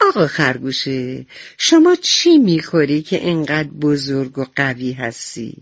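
Bedtime radio story: a woman voicing a playful little boy frog, eager and excitable, higher voice, dry and slightly dull sound. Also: dry recording, heavily acted. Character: small playful male frog, eager and restless.

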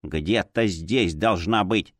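A man voicing a sly, villainous alchemist in disguise in an audiobook, speaking low and grumbling, sometimes drawing his words out. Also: takes it slowly, dry recording, clean studio sound. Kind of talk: audiobook character voice.

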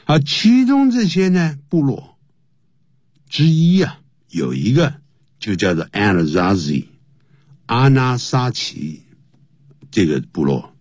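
A man teaches an English lesson slowly, spelling words letter by letter, his voice jumping high to stress key points. His darkish tone swoops wildly in pitch, recorded at studio quality with no room sound.

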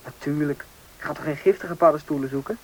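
On a noisy old radio play recording, a performer voices a bossy, knowing boy raised in the taiga, confident and impatient. The voice is mid-range, natural, and fast-talking.

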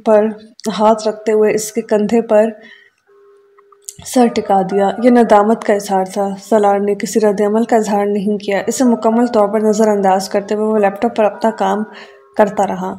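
A woman reading a novel aloud as an audiobook narrator, with calm, even storytelling and faint music behind. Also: mid-range voice, slight background noise.

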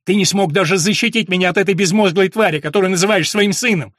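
Guy reading it as a fiery young apprentice mason, husky, spits out his words. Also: mid-range voice, moderate pace, a bit bright, no echo, clean studio sound. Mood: furious. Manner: bursting, accusing outbursts. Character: Jack, hot-tempered young male stonemason apprentice.

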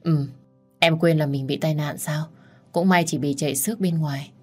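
A woman's voice: sits low, steady tone, moderate pace, dark tone, faint music behind, lightly acted. A woman voicing a caring young husband who soothes and reassures his wife. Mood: reassuring.

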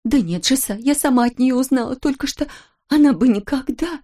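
A terrified, meek wife, voiced by a woman reading an audiobook, pleads in a high, shaky whisper. She moans her words rather than speaking them. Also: extremely slow, warm tone, exaggerated voice. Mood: frightened pleading.

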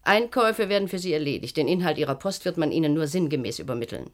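A fast-talking actress whose voice sits low gives an expressive performance in a German radio play. She voices a secretive clinic's matron, stern and sardonic, brusque in manner, probing and condescending.

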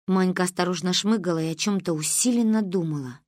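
A woman narrating a humorous story in a lively, expressive reading. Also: on the low side, fast, no room sound, studio quality.

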